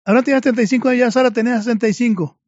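Fervent high-voiced male preacher, lo-fi. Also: steady tone, racing, a little mellow, no room sound. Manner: fervent, constantly addressing the congregation as brothers. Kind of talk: sermon. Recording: dull lo-fi recording.

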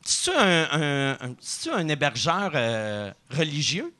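A podcast host with a Québécois accent runs through a sponsor read full of crude jokes. His voice sits high and bright and leaps all over the place. He keeps breaking into laughter as he riffs. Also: huge pitch swings, unhurried. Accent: Québécois French. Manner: crude, joking, laughs often.

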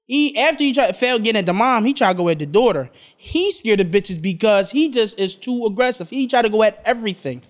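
High-voiced young man rambling stories. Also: animated, fast talker, hardly any pauses. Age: 20s. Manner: rambling, laughing storyteller. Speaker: podcast co-host. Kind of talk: casual chat.

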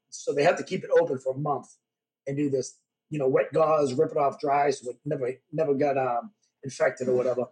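A man's voice: on the high side, rough recording. A man, a podcast guest, telling stories in a casual interview and acting out the dialogue. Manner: animated storyteller who acts out dialogue. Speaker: podcast guest, former pro wrestler. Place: podcast studio.

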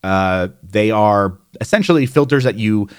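A man with a New Jersey accent talks through care steps in a casual explainer style. His voice sits a little on the low side, and his delivery is plainspoken and chatty, with the odd aside thrown in. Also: lively intonation, moderate pace. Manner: conversational, plainspoken, with asides and fillers. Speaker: hot tub care instructor. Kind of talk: instructional explainer.

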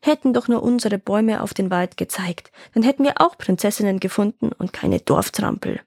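A woman's voice: medium pitch, normal speed, vocal fry, a little mellow, no echo, studio quality. A woman voicing jealous older peasant brothers in a storybook fairy tale, muttering and sulky.

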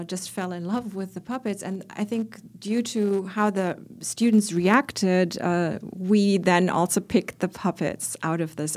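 A woman's voice: mid-range voice, a little mellow. A woman guest answering interview questions, hesitant, with many fillers. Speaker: guest, puppetry instructor.

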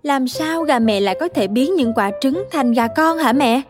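A woman voicing an excited, curious five-year-old boy in a storybook reading, eager and full of questions. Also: moderate pace, music in the background, close to an everyday voice. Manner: eager, questioning, high childlike voice.

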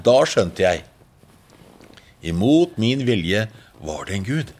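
An older man from Norway, a singer and preacher, tells a personal testimony in an unhurried storytelling manner, acting out his past thoughts as quotes and often repeating words. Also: on the low side, very animated, a little mellow. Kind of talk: personal testimony told in an interview.

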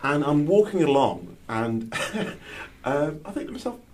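Rambling, animated male storyteller. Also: a little high, unhurried. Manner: rambling anecdotes full of hesitations; self-deprecating humour. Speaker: novelist co-presenter. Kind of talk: casual radio chat.

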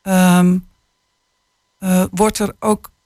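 A woman author, a guest on a radio show, speaking in a measured, somewhat hesitant way and reading from her book. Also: lowish voice, flat delivery, darkish tone, no room sound, studio quality. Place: radio studio. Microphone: studio microphone.

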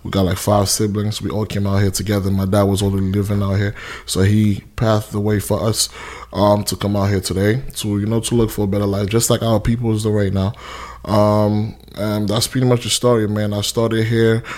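A man's voice: fairly low pitch, flat delivery, fairly quick, darkish tone. A young man from Haiti, talking casually in an interview, rambling with fillers and restarts. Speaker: interview guest, custom suit maker.

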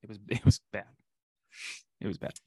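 A man co-hosting a casual sports podcast, dropping wry asides and quick agreements. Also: warm tone, no room sound, clean studio sound. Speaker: podcast co-host.

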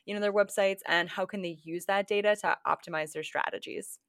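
A woman's voice: on the low side, steady tone, fairly quick, fairly bright tone, dry recording. Woman, podcast host, dry close sound, upbeat questions. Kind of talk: podcast interview.

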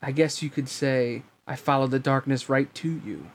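A man voicing a brooding teenage boy who speaks quietly and with resolve in an audiobook. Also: mid-range voice, moderate pace, a little hiss or hum, natural voice. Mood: resolute. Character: brooding teenage boy fighting his inner darkness.

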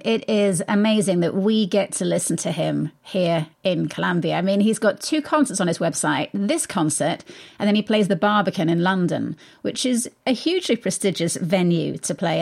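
A woman hosts a radio interview, her questions curious and lively. Her voice carries a gravelly, creaky edge at a middling pitch. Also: moderate pace. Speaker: radio show host.

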